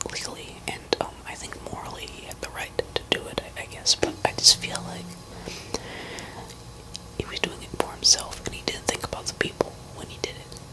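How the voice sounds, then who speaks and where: A woman rambling hesitantly in a barely audible, unvoiced ASMR whisper, pausing mid-thought. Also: rough recording. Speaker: musician talking to listeners.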